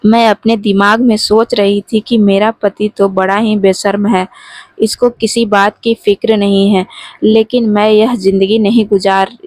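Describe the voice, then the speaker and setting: A woman narrating a sad first-person story in a calm, steady way. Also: medium pitch, a little slow, no echo.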